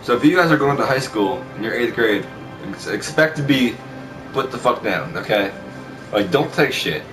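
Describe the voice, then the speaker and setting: This young man, in his teens or early adulthood, chats in a mid-range voice with lively intonation and a moderate pace. As a vlog host in a small bedroom, he recounts school stories brashly, swearing and repeating himself, while a faraway camera mic also catches loud music.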